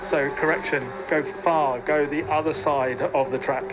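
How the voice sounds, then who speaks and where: A man speaking over team radio as a race engineer, giving calm, clipped instructions and repeating the key calls. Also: a little high, unhurried, music in the background. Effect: team radio transmission.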